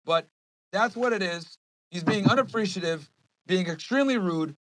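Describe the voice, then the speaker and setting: A man's voice: high voice, normal speed, fairly bright tone, rough recording. A young man hosting a podcast, speaking to his viewers in a heated, profane rant that keeps circling back on itself. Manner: heated, profane, repeats himself. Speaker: podcast host.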